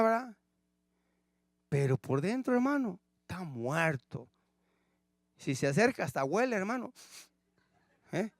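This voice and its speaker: A man preaching a sermon who keeps calling listeners brother and asking rhetorical questions, swinging between loud emphatic lines and hushed low asides. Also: no echo. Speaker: pastor.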